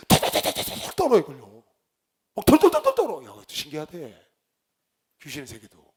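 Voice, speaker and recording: A male pastor preaching, telling a story with lively swings between loud outbursts and quiet low asides. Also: slightly rough. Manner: animated storyteller, shouts quoted lines, drops to low asides. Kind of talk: sermon with storytelling.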